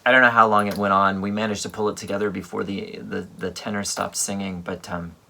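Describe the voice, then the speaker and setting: A composer telling a personal story in a rambling, halting way, full of fillers. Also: male voice, deep voice, flat delivery, creaky, pushed and bright. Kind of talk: casual storytelling monologue. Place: home livestream at a piano.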